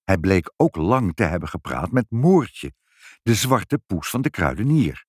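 A man reads a children's story aloud with an expressive delivery. His pitch rises and falls in a lively way. The recording is dry and close. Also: unhurried, breathy edge, dry recording. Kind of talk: storybook reading.

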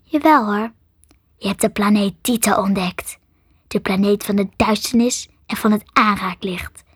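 A woman's voice: medium pitch, a little slow, husky, dry recording, clean studio sound. Woman whispering as a hissing cat creature. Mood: menacing. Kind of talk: storybook reading.

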